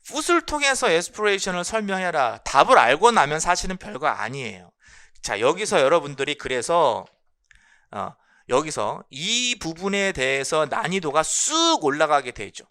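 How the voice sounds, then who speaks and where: Male lecturer, bright crisp tone, repeats key points, asks and answers his own questions. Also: fairly high pitch, sing-song, unhurried. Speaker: English linguistics lecturer. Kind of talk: exam-prep lecture explaining phonology.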